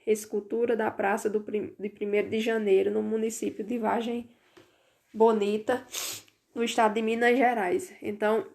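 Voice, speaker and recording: A woman's voice: medium pitch, flat delivery, moderate pace, gravelly, darkish tone. A woman teacher with a Brazilian Portuguese accent, patiently explaining homework step by step in a recorded remote lesson and repeating each instruction. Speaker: primary school teacher.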